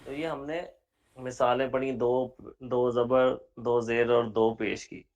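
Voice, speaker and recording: A male Braille teacher gives an online class. He spells every word out letter by letter in a slow, deliberate way, pausing on each sound, and patiently repeats his examples for the students. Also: mid-range voice, level tone, a little mellow, highs cut off.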